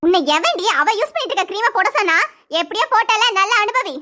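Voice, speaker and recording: A woman's voice: extremely high pitch, animated, fast, sharp tone, heavily acted. A woman doing a haughty bossy cartoon madam. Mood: scolding. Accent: Tirunelveli Tamil. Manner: scolding, curt. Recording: noisy cartoon voice track.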